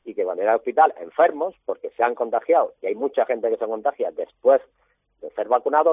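A husky-voiced man talks about his hospital work over a thin, tinny phone line. He sounds indignant and keeps throwing out pointed rhetorical questions. The line is dry, with no room sound. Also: mid-range voice, no room sound. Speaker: hospital doctor. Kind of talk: radio phone interview.

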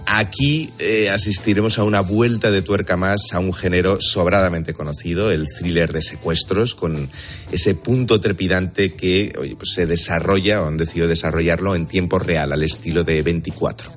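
A man's voice: low-pitched, fairly even intonation, moderate pace, fairly bright tone. A man giving a conversational series review as a show critic, hesitating and repeating words as he explains.

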